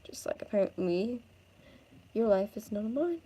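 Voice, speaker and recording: A woman voicing a guarded, streetwise young man who talks quietly and curtly. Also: animated, normal speed, slight background noise, natural voice. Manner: low-key, quiet, curt.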